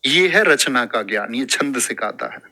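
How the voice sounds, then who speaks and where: Bright, lively male teacher. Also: mid-range voice, normal speed. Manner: lively, lecturing, repeating terms aloud and reciting verse. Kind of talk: classroom lecture. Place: classroom.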